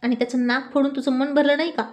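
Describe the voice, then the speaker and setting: Feisty teen girl, woman reading her part, high-pitched and indignant. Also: little pitch movement, fast, darkish tone, lightly acted. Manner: indignant, teasing. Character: feisty teenage girl, quick to bicker.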